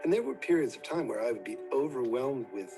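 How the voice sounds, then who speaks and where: A man from New Jersey, a former preacher, gives an earnest, halting personal testimony for a documentary, sometimes dropping to near whispers. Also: mid-range voice, very animated, music in the background, low-quality recording. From Wildwood, New Jersey, USA.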